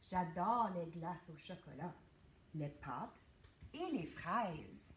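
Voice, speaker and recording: A woman reading a picture book as a sweet little boy telling what he loves, gently and softly. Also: fairly low pitch, animated, takes it slowly, roomy sound, slight background noise, voice pushed down. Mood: tender.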